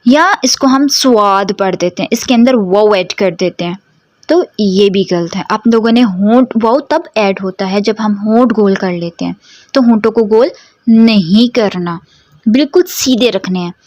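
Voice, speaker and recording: A woman with a medium-pitched, warm voice teaches how to pronounce Quran letters at a measured pace, recorded dry. She walks her students through it step by step, poses questions, and stretches out each model sound so they can repeat it in this slow, careful pronunciation lesson.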